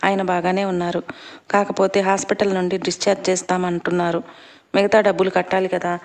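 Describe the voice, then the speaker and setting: A woman's voice: on the low side, little pitch movement, brisk, a little mellow, lightly acted. A woman voicing a worried adult woman in money trouble who speaks in a plaintive, weary way.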